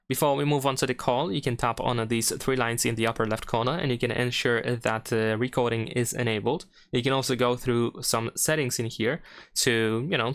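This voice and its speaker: A tutorial host with a clean, smooth, medium-pitched and somewhat bright male voice narrates a how-to on screen. He goes through each step without a script, slipping in small hedging asides along the way.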